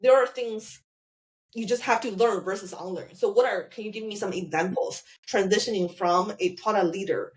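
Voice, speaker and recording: On a low-quality recording, a female podcast host speaks in a mid-range voice at normal speed. She puts warm, encouraging interview questions to her guest, using the occasional filler.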